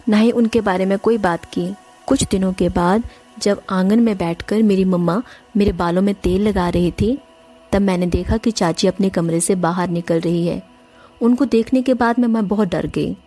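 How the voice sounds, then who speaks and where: Mellow-voiced woman telling a horror story. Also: medium pitch. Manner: earnest, emotional, addresses listeners as friends. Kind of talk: first-person horror story narration. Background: faint music.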